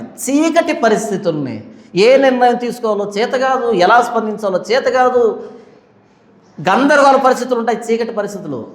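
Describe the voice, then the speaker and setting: A male pastor giving a Bible study sermon in an animated way, putting on quoted voices and asking the listeners questions. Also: high-pitched, echoey room.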